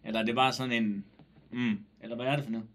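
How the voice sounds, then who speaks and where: A man streaming live, chatting casually and loudly, joking, swearing and greeting viewers by name. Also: medium pitch, steady tone, slight background noise.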